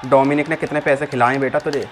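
Talking fast in a steady, mid-range voice, a gameplay commentator casually trash-talks his way through a wrestling video game. He ridicules the wrestlers and the referee, with game crowd roar and sound effects audible behind.

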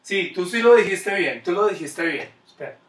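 A man's voice: high-pitched, expressive, normal speed, reverberant, distant mic. Encouraging Colombian skating coach, man. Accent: Colombian Spanish. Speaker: skating instructor. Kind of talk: online kids' class.

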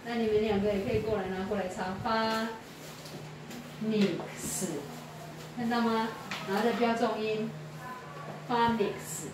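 A woman's voice: on the high side, steady tone, a little slow, pauses often. Woman teaching in an echoey classroom. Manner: patient, repeats prompts and quizzes pupils. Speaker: English teacher. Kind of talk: classroom tutoring. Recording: echoey room from far off, faint noise.

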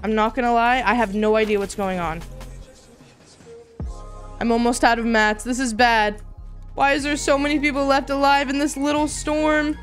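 A woman giving excited gameplay commentary in a hyped, slangy gamer-bro manner. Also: a little high, normal speed, long pauses, faint music behind. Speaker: gamer, video host.

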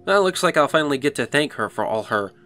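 A man's voice: on the high side, animated, quick pace, bright, forceful tone, soft background music. A man narrating a game walkthrough in a casual, explanatory way. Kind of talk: casual gameplay commentary.

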